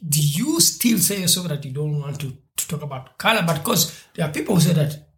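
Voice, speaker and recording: Host, middle pitch, challenging and emphatic. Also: animated, brisk, fairly bright tone. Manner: challenging, repeats phrases for emphasis. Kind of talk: conversational interview.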